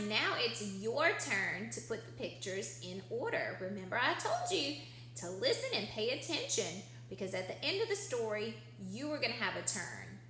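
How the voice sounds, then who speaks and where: Sounding like a teacher at story time, a woman reads a picture book to children, drawing out important words, asking them questions and keeping her tone encouraging and expressive. Her pitch is fairly high. The recording has an echoey room sound and a bit of background noise.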